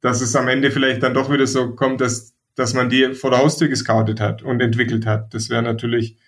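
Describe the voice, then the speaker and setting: A man discussing football club youth policy in a measured, reflective way, pausing often to find his words. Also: medium pitch, little pitch movement. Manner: measured, reflective, frequent hesitations. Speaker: podcast co-host, football pundit. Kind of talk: casual discussion.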